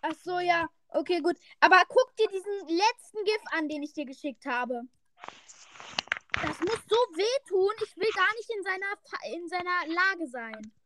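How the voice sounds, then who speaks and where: A woman's voice: very high voice, moderate pace. A woman chatting casually on a call, eagerly describing clips she has sent. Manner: eager, excitable, interrupts to describe videos.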